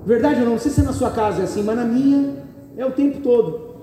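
Brazilian male pastor, high-pitched and warm, sermon with jokes and call-and-response, roomy hall sound from a distance. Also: quick pace, a little hiss or hum. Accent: Brazilian Portuguese. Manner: preaching with audience call-and-response, joking asides. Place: church hall. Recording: echoey hall, picked up from far.

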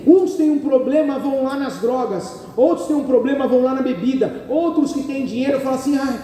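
High-voiced Brazilian man preaching in an echoey hall. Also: a little fast, dark tone. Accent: Brazilian Portuguese. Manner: preaching with audience call-and-response, joking asides. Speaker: pastor. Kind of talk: sermon. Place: church hall. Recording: echoey hall, picked up from far.

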